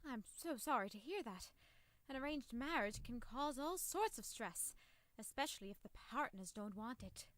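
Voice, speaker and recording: An actress playing a refined, romantic pony seamstress in a cartoon, theatrical and eager for gossip. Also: female voice, on the high side, lively intonation, normal speed, fairly bright tone, no room sound. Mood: sympathetic.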